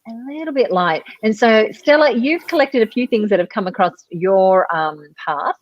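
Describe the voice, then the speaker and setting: A woman's voice: medium pitch, expressive, normal speed, no echo, highs cut off. A woman hosting a live online chat show, chatty, reading out viewer messages and laughing often. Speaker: host. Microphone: video call.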